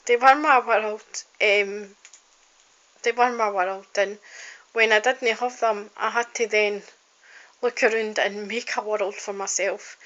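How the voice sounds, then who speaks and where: A woman with a mid-range, bright, forceful voice speaks to her phone camera in a casual personal video diary, and the highs are cut off. She's a college student and singer-songwriter, and she rambles heartfeltly, with ums and restarts throughout.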